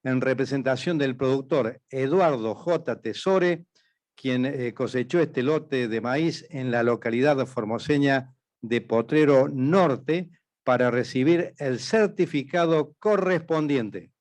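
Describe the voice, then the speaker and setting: A man's voice: medium pitch, slow pace, a little mellow. A man with an Argentine accent making formal announcements as master of ceremonies at an event.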